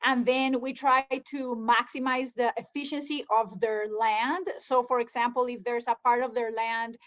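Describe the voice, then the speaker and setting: A woman's voice: fairly high pitch, fairly even intonation, moderate pace, dull audio. A woman from Rica, a conservation scientist answering interview questions earnestly, with frequent ums. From Costa Rica.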